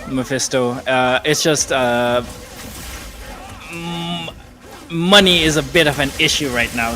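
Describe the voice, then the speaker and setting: A man from Nepal, chatting casually on a live game stream, laughing easily and reacting out loud to play. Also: medium pitch. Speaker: gaming streamer. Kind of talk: casual live-stream chat while gaming.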